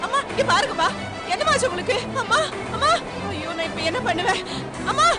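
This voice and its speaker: A woman's voice: very high-pitched, expressive, fast. A woman acting as a young woman frantically calling her collapsed mother in a TV serial. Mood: frantic. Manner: frantic, pleading. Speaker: daughter, later tending her mother. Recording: distant serial voice under loud music and crowd noise.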